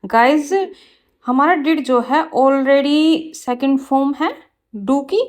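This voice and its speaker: A woman teaching English grammar to Hindi speakers. She reads each example sentence very slowly and clearly, then explains it briskly and keeps calling her viewers guys and kids. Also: high voice.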